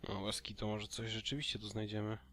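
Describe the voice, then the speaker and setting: A man's voice: fairly low pitch, monotone, quick pace, vocal fry, over music. A man giving casual gameplay commentary, muttering and mildly cursing as he goes. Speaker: gaming streamer.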